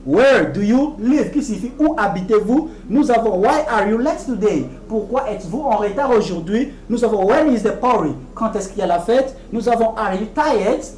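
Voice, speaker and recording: A woman giving a televised English lesson, explaining patiently and repeating each English phrase slowly and deliberately. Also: a little high, animated, darkish tone, roomy sound, rough recording. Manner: explains patiently, often checking with "ok?". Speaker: English teacher.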